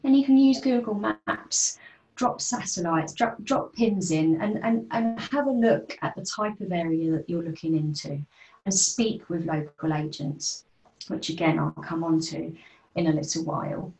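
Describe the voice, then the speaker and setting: A woman's voice: fairly low pitch, unhurried, a little mellow. A woman explaining property investment in a casual presentation, with frequent fillers and restarts. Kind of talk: informal presentation on a video call. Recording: echoey room, distant from mic.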